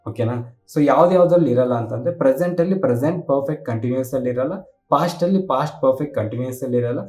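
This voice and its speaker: A man's voice: mid-range voice, warm tone. A man teaching English grammar for an exam, explaining patiently and often checking that students follow. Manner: patient, repetitive explaining with frequent check-in questions. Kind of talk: exam-prep grammar lesson, explaining step by step.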